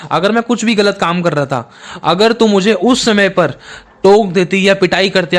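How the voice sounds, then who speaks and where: A man's voice: sits high, a bit bright. A man doing a condemned son accusing his mother. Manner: accusing, raised and insistent.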